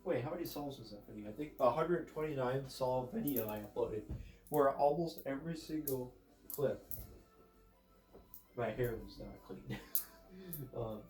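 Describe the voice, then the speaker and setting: A man's voice: mid-range voice, moderate pace, long pauses, darkish tone, soft background music. A man with a congested, stuffed-up nose from a cold, chatting casually and thinking aloud as he rambles through a vlog. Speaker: vlogger with a YouTube channel. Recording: echoey room.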